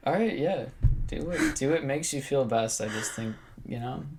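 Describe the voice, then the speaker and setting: A woman's voice: rumbling low, sing-song, normal speed, noisy background. A young woman co-hosting a podcast in casual chat, with a dry, teasing, skeptical manner. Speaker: podcast co-host.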